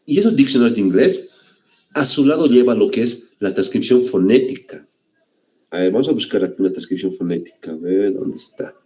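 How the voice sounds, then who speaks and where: Guy teaching a class, warm mellow voice, pitch jumps all over, keeps saying very good. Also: expressive, fairly quick. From Bolivia. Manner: repeats "muy bien" often, addresses students as "señores". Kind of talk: classroom lecture.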